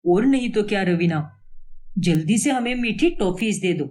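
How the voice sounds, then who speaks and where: A woman's voice: mid-range voice, lively intonation, normal speed, darkish tone, natural voice. A woman voicing a greedy older man, a father-in-law fond of food, who whines and complains in a cartoon story. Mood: complaining.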